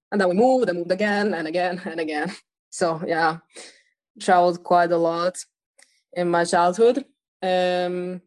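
Fairly low and somewhat dark, the voice belongs to an eighteen-year-old woman from Ukraine whose first language is Russian. As a polyglot guest on a podcast, she fields interview questions at a quick clip, often restarting and leaning on fillers.

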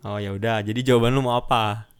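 A man's voice: fairly low pitch, fast, clean tone. A young man in casual conversation, joking and laughing as he talks about coaching his team. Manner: relaxed, joking, laughs often. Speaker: host, futsal coach. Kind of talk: casual chat.

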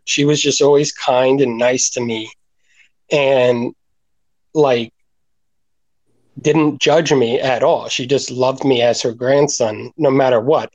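A man's voice: mid-range voice, darkish tone, dry recording, muffled recording. A man sharing his story on a recovery podcast in a casual, earnest, rambling way, full of fillers. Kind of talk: casual sharing in group talk.

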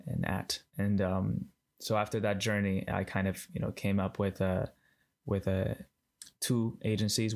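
A man's voice: fairly low pitch, darkish tone. A man from Ecuador in his thirties, a podcast guest chatting casually, full of fillers and restarts. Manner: hesitant, many fillers and restarts. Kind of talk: casual interview chat.

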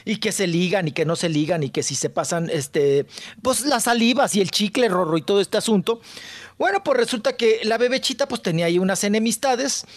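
Speaking fairly quickly in a voice that sits high, a Mexican-accented man trades gossip as a radio show regular. His comic chat is flamboyant and teasing, and he likes to call people "chiquito."

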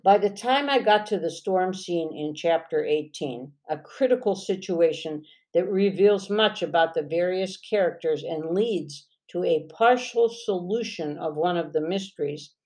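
A woman author gives a writing lesson, reading passages from her novel in a measured, steady way. Her voice sits on the low side, and she often pauses to clear her throat. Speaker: author teaching fiction writing. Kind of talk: lesson with read-aloud novel excerpts.

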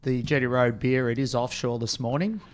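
A man's voice: mid-range voice, a little fast. An Australian man giving an informal, matter-of-fact surf report on radio.

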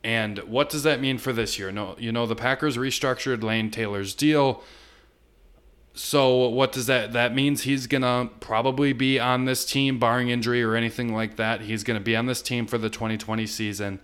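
A man's voice: mid-range voice, fairly even intonation, moderate pace, a bit bright, smooth. A man hosting a casual sports podcast. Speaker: podcast host.

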